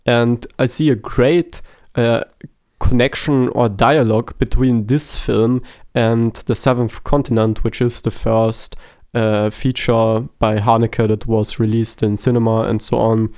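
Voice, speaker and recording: Slow, smooth-voiced man talking film. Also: mid-range voice, flat delivery, darkish tone, no echo, studio quality. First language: German. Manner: hesitant, jokey, many fillers. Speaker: podcast co-host. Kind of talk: casual film discussion.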